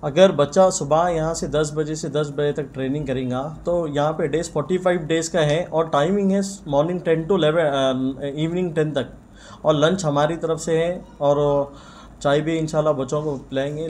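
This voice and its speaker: Earnest young shop owner. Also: male voice, fairly high pitch, moderate pace, a little mellow, slight background noise. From India. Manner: earnest, frequent religious blessings. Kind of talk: press interview. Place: indoor shop in front of press mics. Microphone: bunch of press mics on table.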